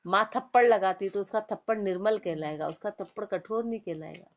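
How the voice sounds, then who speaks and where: A woman giving a devotional discourse who chants verse lines slowly and then explains them in plain, conversational speech. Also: mid-range voice. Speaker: spiritual teacher.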